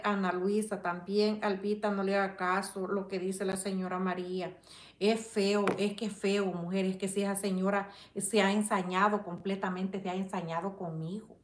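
Indignant woman chatting in an echoey room. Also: medium pitch. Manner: indignant, defends herself and addresses a rival directly; religious phrasing, prays for her audience. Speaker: live-stream host reading viewer comments. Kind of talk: casual live-stream chat.

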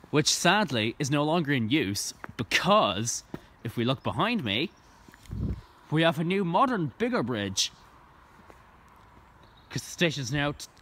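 Against slight background noise, a young man from Ireland films trains with his phone at an outdoor station, his voice fairly high, bright and forceful. As a trainspotting vlogger, he narrates casually and excitedly, rambling with plenty of ums and restarts into the phone camera.

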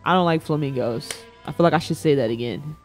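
This young man talks fast in a voice on the high side, trading slangy, playful banter with his chat while reacting casually on a livestream. Faint music plays in the background of his indoor streaming room.

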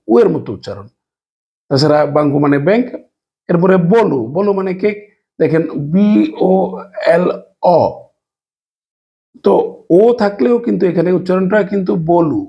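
Gravelly Bangladeshi man teaching a lesson. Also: high voice, dark tone, muffled recording. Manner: explains slowly, spells out letters, frequent fillers. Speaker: language teacher. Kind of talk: casual spoken lesson.

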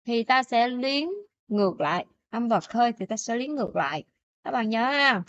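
A woman teacher explaining pronunciation rules in a language lesson, often checking in with her students with quick questions. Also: a little high, animated, a bit bright, no room sound, lo-fi sound.

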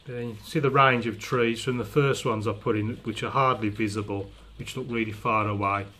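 A watercolour painting instructor with a voice on the low side, steady and sharp in tone, talks a little fast during a casual demonstration at his indoor studio easel. He thinks aloud with many restarts, and the echoey space picks up clear background noise.

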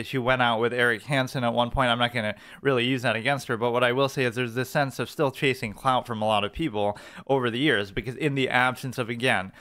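Bright, clear-voiced man giving critical commentary. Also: medium pitch. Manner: critical, argumentative. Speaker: reaction commentator. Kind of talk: opinionated off-the-cuff video commentary.

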